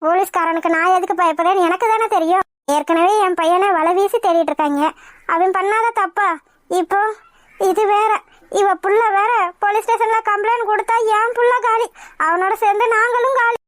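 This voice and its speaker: Tamil-accented woman, very high voice, dry close mic, cartoon bickering. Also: steady tone, brisk, no echo. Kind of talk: cartoon voice acting of several characters.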